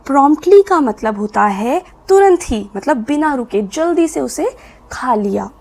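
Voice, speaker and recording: Lady teacher going thru a kids poem super slow, voice a bit high, explains each line. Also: expressive, gravelly, darkish tone, low-quality recording. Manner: reads poem lines very slowly and deliberately, then explains in Hindi. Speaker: English teacher. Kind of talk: poem explanation lesson for children.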